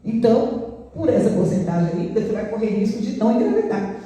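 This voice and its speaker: A woman's voice: a little high, sing-song, fairly quick, mellow. Woman telling an emotional testimony, voice from far off, long church reverb, faint ambience. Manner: emotional storytelling, acting out dialogue. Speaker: church member giving testimony. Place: church hall. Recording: echoey church hall, distant mic.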